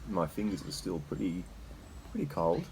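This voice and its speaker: An Australian man talking casually and haltingly as host, with a slight cold shiver in his voice as he sits in icy water. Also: sits low, sing-song, mellow, slight background noise, rough recording. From Queensland, Australia. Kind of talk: casual unscripted talk. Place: sitting in a freezer full of icy water.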